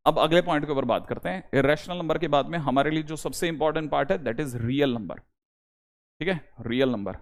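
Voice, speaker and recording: A young man teaching a maths class online, repeating reminders to his students and switching between Hindi and English. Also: on the high side. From India. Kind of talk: online lecture.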